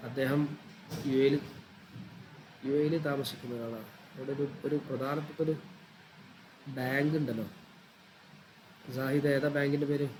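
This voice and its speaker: A man's voice: medium pitch, steady tone, moderate pace, long pauses, background noise. A man teaching an informal online religious class, chatty and repetitive as he explains things step by step.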